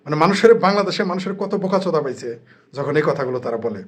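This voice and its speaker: A man's voice: fairly high pitch, animated, quick pace. A man delivering an angry, sarcastic political monologue full of mockery and jabs. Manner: sarcastic, mocking, combative. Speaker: political commentator.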